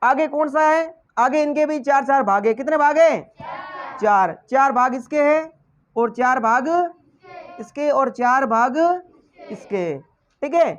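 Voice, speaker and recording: A man's voice: very high-pitched, slow, a bit bright, dull audio, slight background noise. A male teacher giving a lesson, quizzing the class with repeated questions and then answering them himself. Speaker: English teacher.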